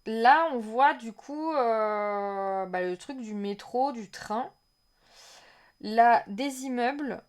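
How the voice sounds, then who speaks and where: Excitable French woman reacting live. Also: fairly high pitch, slow. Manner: chatty, excitable, reads chat aloud. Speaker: streamer reacting to a game trailer. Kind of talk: casual live-stream reaction.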